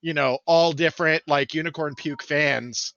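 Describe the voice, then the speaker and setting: A man, a marketing manager guesting on a casual podcast, talking in an excitable, self-deprecating, jokey way. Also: a little high, normal speed, no echo, dull audio.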